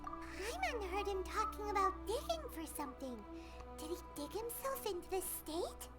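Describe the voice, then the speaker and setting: A woman voicing a tiny, curious, excitable fairy companion in a video game, with childlike exclamatory delivery. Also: extremely high pitch, normal speed, over loud music. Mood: concerned, puzzled. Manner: speaks of herself in the third person, exclamatory.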